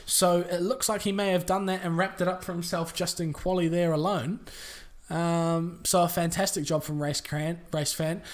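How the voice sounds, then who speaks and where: A man with a New Zealand accent commentating a sim racing stream in a chatty, relaxed way with lots of fillers. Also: sits high, moderate pace. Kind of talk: live race commentary.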